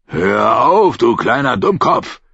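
A man reading as a gruff, scolding soldier in a storybook, low and husky. The delivery is rough and hard. The sound is dry and slightly dull. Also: moderate pace, dry recording. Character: tall strong rough male soldier.

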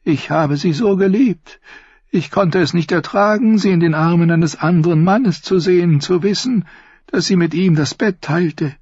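A man narrating takes on a blind, heartbroken singer with a high, husky, fragile voice, pleading and trembling. The storybook recording is dry and a little dull. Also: normal speed, a little mellow, dry recording. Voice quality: broken, near-whispered voice. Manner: pleading, tremulous. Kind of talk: audiobook character voice.

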